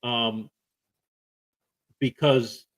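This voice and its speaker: A man co-hosting a live-stream podcast, talking forcefully with restarts and repeated points. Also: medium pitch, steady tone, very slow. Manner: forceful, repetitive, stop-start. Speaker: podcast co-host. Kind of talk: casual live-stream talk.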